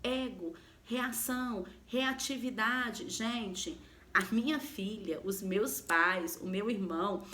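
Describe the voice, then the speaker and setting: A mother of a daughter from Goiânia, Brazil, gives a motivational talk on emotional health, firing direct rhetorical questions at the viewer. Her mid-range voice is slow and a bit bright, with slight background noise.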